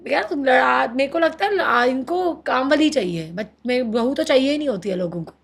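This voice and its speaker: A woman's voice: sits high, normal speed, vocal fry, husky. A woman in her thirties as an interview guest, recounting her marriage with emotion, mixing Hindi and English and acting out what others said. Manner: animated, mixes Hindi and English, quotes others in acted voices.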